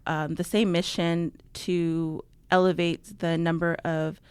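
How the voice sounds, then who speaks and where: A young woman from New Mexico talks as a radio interview guest, her voice smooth and slightly low. She fills her sentences with ums and laughs easily. The studio sound is dry and close. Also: little pitch movement, slow pace, dry recording. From Navajo, New Mexico. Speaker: guest, outreach coordinator. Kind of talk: casual interview talk.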